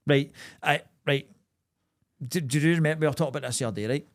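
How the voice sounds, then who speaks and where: A man's voice: fairly high pitch, fast talker, no room sound, clean studio sound. Sweary, jokey Scottish man bantering on a podcast. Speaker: podcast co-host. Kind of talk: casual comedic banter.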